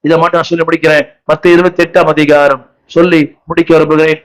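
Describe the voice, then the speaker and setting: A man's voice: a little high, little pitch movement, fast, low-quality recording. A man with a Tamil accent preaching a sermon, repeatedly calling on his congregation to say the words aloud after him. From India. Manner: repetitive, exhorting, asks the crowd questions. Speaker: pastor. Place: church.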